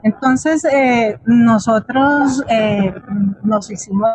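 A middle-aged Colombian woman, interviewed as a theatre teacher, gives a reflective spoken answer in an online forum. Her voice runs on the high side, and she explains haltingly in Colombian Spanish, frequently adding little tag questions to check understanding.

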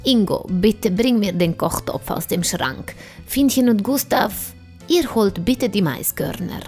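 Cheerful bear chef guy, a woman doing him, slow and encouraging, soft music under. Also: mid-range voice, expressive. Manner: warm, encouraging teacher tone. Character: five-star bear chef, cheerful and proud.

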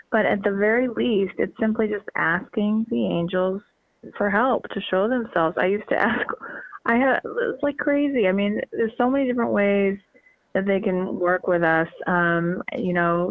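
A woman's voice: lowish voice, no room sound. A woman from the Northeastern US, a guest on a radio show, talking enthusiastically with lots of fillers over the phone. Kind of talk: radio call-in conversation. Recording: tinny phone line.

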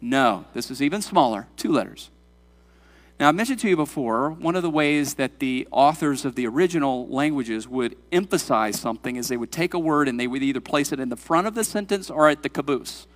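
A man's voice: medium pitch, expressive, brisk. A man in his forties preaching a sermon to his congregation, emphatic and full of questions to the room. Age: 40s. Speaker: pastor. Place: church sanctuary. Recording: long hall reverb.

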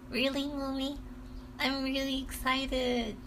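Woman playing a young schoolgirl, sweet, affectionate, very high voice, amateur audio drama. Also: little pitch movement, takes it slowly, a bit bright, full character voice, low-quality recording. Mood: cheerful. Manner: affectionate, eager to please. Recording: noticeable background noise.

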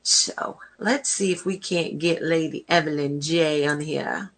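Texan woman hosting a faith show, bright and lively, slips into quoted voices. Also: sits low, measured pace. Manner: lively, laughing, acts out quoted dialogue. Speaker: host. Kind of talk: faith talk show monologue.

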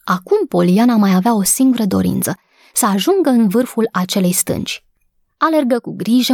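A woman reading a children's story aloud as narrator, with calm, even storytelling. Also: mid-range voice, dry recording, studio quality.

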